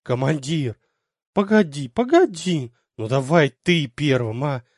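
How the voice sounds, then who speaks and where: A man's voice: fairly high pitch, lively intonation, measured pace, a little mellow, no echo, studio quality. Man doing a sleazy fawning soldier. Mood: wheedling. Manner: wheedling, greedy, pleading. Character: sleazy lustful male soldier, fawning and menacing.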